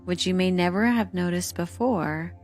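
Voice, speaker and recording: A woman with a voice on the low side narrates a scripted guided meditation over calming meditation music. Her delivery is soothing and hypnotic, giving measured instructions with lingering pauses.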